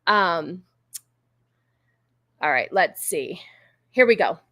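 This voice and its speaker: A woman's voice: on the low side, animated, very slow, pushed and bright, no room sound, studio quality. A woman hosting a livestream, chatting casually and informally with viewers, rambling and easily sidetracked. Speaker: livestream host. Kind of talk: casual chat with live viewers.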